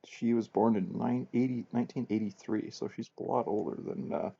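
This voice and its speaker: A man's voice: medium pitch, fairly quick, creaky, mellow, slightly rough. A man co-hosting a podcast in casual chat, laughing easily and joking at his own expense. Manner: laughs easily, self-deprecating. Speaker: podcast co-host. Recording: dull lo-fi mic.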